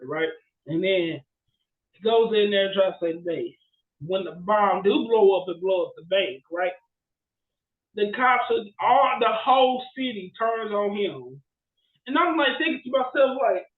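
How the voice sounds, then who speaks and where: In casual movie chat, this podcast co-host with a high voice retells plots animatedly, constantly checking in with "right?" to seek agreement. The audio sounds echoey, somewhat muffled, and limited in bandwidth.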